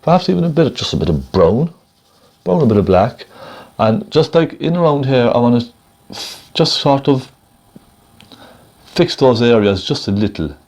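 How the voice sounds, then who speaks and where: Speaking in a sing-song, medium-pitched voice, a man gives a casual painting demo in steps. He teaches gently and encouragingly, thinking out loud without hurry as he goes.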